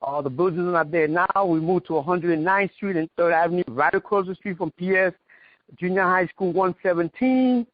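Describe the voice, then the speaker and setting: A man's voice: high voice, a little fast, no echo. A man from New York, a martial artist guest, reminiscing in a casual radio interview. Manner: reminiscing, talks in street-direction detail. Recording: dry, dull lo-fi radio audio.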